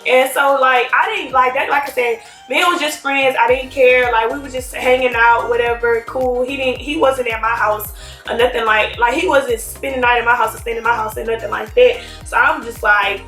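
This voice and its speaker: A woman's voice: fairly high pitch, steady tone, normal speed, bright, forceful tone, echoey room, faint music behind. A woman telling a personal story in a casual, sarcastic, slangy way.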